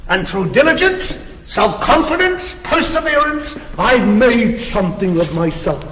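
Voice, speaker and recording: A man's voice: high voice, lively intonation, unhurried, a bit bright, slight background noise. A man acting a boastful, competitive self-made businessman in a stage comedy, bragging theatrically in long lists. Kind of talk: stage comedy cast recording. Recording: echoey theater with long reverb.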